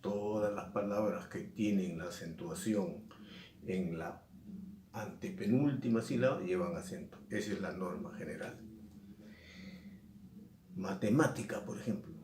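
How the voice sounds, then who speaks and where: A male teacher, explaining a lesson slowly and repeating and stressing key words. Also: low-pitched, darkish tone, a little hiss or hum. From Peru. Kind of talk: recorded lesson. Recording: echoey room, mic at a distance.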